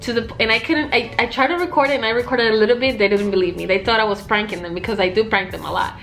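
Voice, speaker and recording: A woman's voice: fairly high pitch, rapid-fire, a bit bright, soft background music. A young woman vlogging casually, chatting and laughing as she rambles through a story with many restarts.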